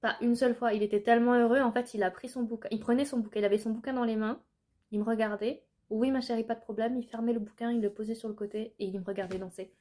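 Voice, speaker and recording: A woman's voice: on the high side, steady tone, quick pace, a little mellow. A young woman from France telling her life story to the camera in an earnest, hesitant way, with many filler sounds and restarts.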